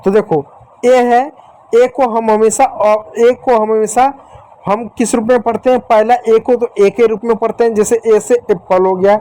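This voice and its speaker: A man teaching young children letter sounds in a patient, repetitive way, slowly sounding out letters and speaking to the children directly and affectionately. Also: high-pitched, steady tone, warm tone, clean tone, dry recording, poor audio. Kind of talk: phonics lesson for young children.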